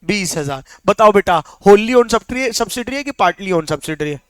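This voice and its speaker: A young man teaching a lecture, coaxing students with constant quick questions and mixing English terms into his speech. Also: high voice, expressive, clear, resonant tone, no echo. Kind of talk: classroom lecture.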